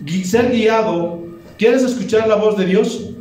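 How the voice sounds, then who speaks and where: Brief: Bolivian male pastor, high voice, animated sermon, recorded from a distance in a roomy church. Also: slow pace. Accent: Bolivian Spanish. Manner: animated preaching, frequent "Gloria a Dios". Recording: echoey room, voice from far off.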